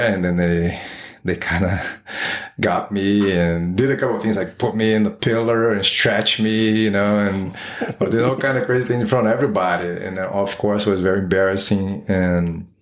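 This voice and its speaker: A Brazilian man in his forties with a Brazilian Portuguese accent, speaking as an interview guest, with many fillers and restarts. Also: low voice. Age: 40s. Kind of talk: casual interview.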